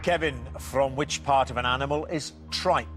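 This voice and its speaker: Loud music plays under this medium-pitched male voice. He's hosting a TV quiz show, moving briskly, delivering questions clearly and joking lightly with contestants.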